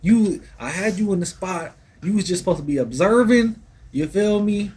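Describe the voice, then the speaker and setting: A man's voice: high-pitched, animated, normal speed, darkish tone, husky. A man in his thirties co-hosting a podcast, telling stories in slangy casual chat. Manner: storytelling, slangy, chuckling. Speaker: podcast co-host.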